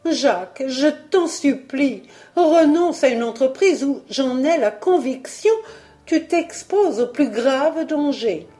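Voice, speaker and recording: A woman reading a novel aloud, voicing a young woman in love who pleads in high, breathless tones. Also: lively intonation, slow pace, mellow. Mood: pleading.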